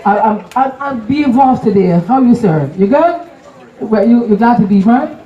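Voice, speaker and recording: A woman's voice: a little high, animated, normal speed, lo-fi sound. A Barbadian woman emceeing a crowd quiz, playful and teasing, laughing often. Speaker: event emcee. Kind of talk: lively crowd quiz hosting. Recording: echoey hall, from far off, crowd noise.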